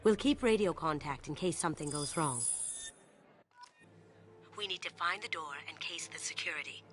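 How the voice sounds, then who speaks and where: A woman's voice: sits low, animated, normal speed, a bit bright, soft background music. An actress voicing a playful female master thief in a video game, talking in a confident, conspiratorial way. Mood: sly. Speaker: game companion.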